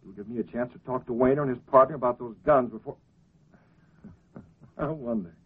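An actor playing a confident, wry masked vigilante who sounds assured and commanding, in 1940s radio style on a tinny recording. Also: male voice, medium pitch, moderate pace, breathy edge, natural voice. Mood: confident, amused.

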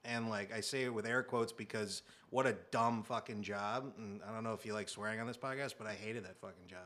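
A man in his thirties telling a comic story in a casual chat, animated and acting out quotes, with muttered asides. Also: lowish voice, fairly quick. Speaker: guest storyteller.

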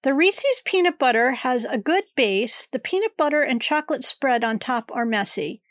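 A woman's voice: sits high, expressive, normal speed, fairly bright tone, no echo, studio quality. A middle-aged woman hosting her own podcast, congested and talking in a rambling, personal, chatty way. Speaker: podcast host. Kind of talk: casual solo podcast monologue.

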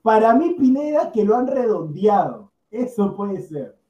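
A man's voice: high-pitched, measured pace. A man co-hosting a football podcast, joking and rambling in loose banter. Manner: joking, rambling, animated bursts. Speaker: podcast co-host. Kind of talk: casual sports banter. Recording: distant, dull and echoey room mic.

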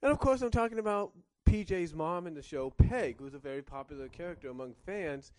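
A man's voice: fairly high pitch, expressive, fairly quick, a little mellow, clean tone, dry recording. A man reviewing cartoons in casual commentary, rambling and circling back to rephrase, coughing now and then with a cough drop in his mouth.

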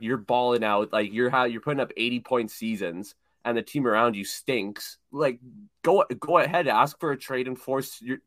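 A young man co-hosting a sports podcast, firm in his views and quick to repeat himself when worked up. The sound is dry and close, with no room around his voice. His pitch sits in an ordinary middle range. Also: dry recording. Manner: animated, opinionated, repeats words when excited. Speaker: podcast co-host. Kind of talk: casual sports chat.

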